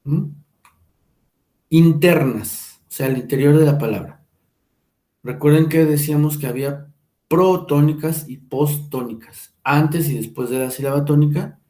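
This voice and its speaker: Slow, deliberate Spanish-speaking teacher. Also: male voice, on the high side, dark tone, echoey room. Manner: checks in with listeners by asking "¿mm?" and "¿no?"; drawn-out, careful enunciation of example words. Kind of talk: slow explanatory lecture.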